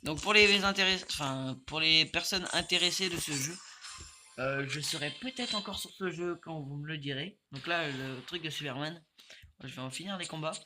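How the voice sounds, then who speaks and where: A young French gaming YouTuber rambles excitably while playing a fighting game, sometimes muttering back at the screen. His voice is fairly high and at normal speed, with background noise and game music.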